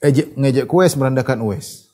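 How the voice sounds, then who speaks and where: A male preacher tells a story in a sermon, quoting Arabic lines and then translating them in a lively storytelling manner. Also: mid-range voice, brisk. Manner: animated retelling, quotes Arabic then translates. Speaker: Islamic preacher.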